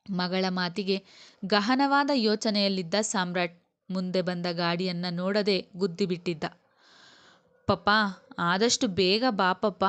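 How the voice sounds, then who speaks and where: A woman reading a novel aloud as its narrator, in steady storytelling. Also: mid-range voice, clear, resonant tone. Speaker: audiobook narrator.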